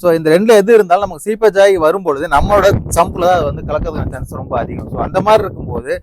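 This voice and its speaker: A man's voice: high-pitched, noisy background. A man with a Tamil Nadu accent explaining building choices on a construction site, piling up fillers as he goes. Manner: fast, repetitive filler-heavy explaining. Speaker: construction designer.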